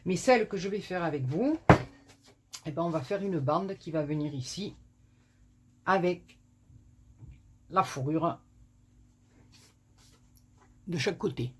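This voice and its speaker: Woman crafting host, unhurried, a little husky, rambling and self-joking, camera on a tripod at a small desk. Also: fairly low pitch, lively intonation. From southern France. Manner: rambling, self-mocking, many fillers. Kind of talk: chatty card-making tutorial. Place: small home desk workspace.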